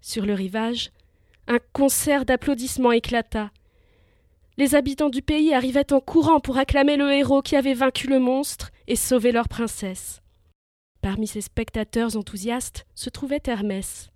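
A woman's voice: high-pitched, steady tone, normal speed, a little mellow, no room sound, studio quality. A woman storyteller giving scripted narration of a myth for young listeners, vivid and lifting with the action.

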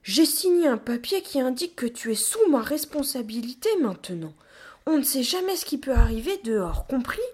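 A woman's voice: mid-range voice, lively intonation, moderate pace, lightly acted. A woman voicing a scolding mother gorilla. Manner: scolding, then awkward and gentle. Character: gruff but caring female gorilla guardian.

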